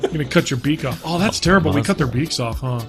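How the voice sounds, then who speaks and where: A man's voice: on the high side, lively intonation, fast, faint music behind. A man co-hosting a podcast in casual, profane banter, joking and laughing often. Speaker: podcast co-host.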